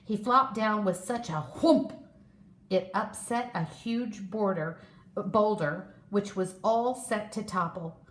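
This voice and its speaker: A woman storyteller reads a children's story aloud, slow and expressive. Her voice sits in the middle and carries an echo from a roomy space. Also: medium pitch. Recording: echoey room.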